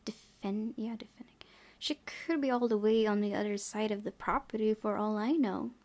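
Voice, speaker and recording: A woman with a medium-pitched voice talks at a normal speed, reading a game's story aloud and adding casual commentary while she plays. She's a gaming video creator, and the recording has loud background noise from the game's ambience.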